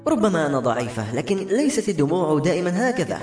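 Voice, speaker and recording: A gentle, grieving talking mare from a spoken storybook, her voice lifted high and soft with tears as she pleads to be heard, as a male narrator puts her on. The delivery is quick, and a roomy echo hangs around every line. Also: very animated, faint music behind. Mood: sorrowful.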